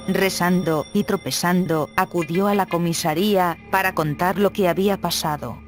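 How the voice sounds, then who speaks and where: A text-to-speech voice narrating true horror stories in an even, steady reading. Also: mid-range voice. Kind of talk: scripted horror story narration.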